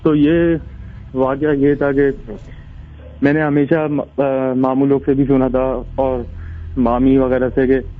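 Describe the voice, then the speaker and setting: A man's voice: medium pitch, little pitch movement, slow pace. Man telling a ghost story over a phone line. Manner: rambling, restarts often. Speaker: caller. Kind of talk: casual storytelling.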